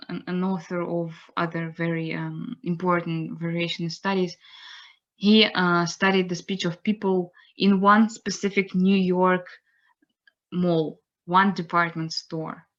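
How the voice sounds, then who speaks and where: A young woman giving an online lecture, unhurried and pausing to search for words. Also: on the low side. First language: Russian. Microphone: computer mic on a video call. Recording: slightly dull video-call audio.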